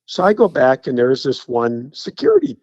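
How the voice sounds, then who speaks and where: A man's voice: mid-range voice, moderate pace, no echo, highs cut off. A man telling stories as a guest on a radio show, acting out the people in them. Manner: animated anecdote teller, acts out the people in his stories.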